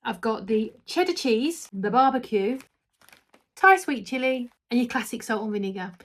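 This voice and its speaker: A woman with a slightly high voice reviews a snack product. She talks casually and enthusiastically, in a chatty promotional style aimed at viewers. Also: expressive, moderate pace.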